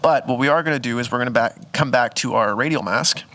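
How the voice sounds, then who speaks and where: A man talks through his photo edits in a relaxed, chatty tutorial. He thinks aloud and corrects himself along the way. His voice is bright and forward, and his pitch sits in the middle. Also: fast. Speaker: photographer teaching photo editing. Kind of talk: casual screen-recorded editing tutorial.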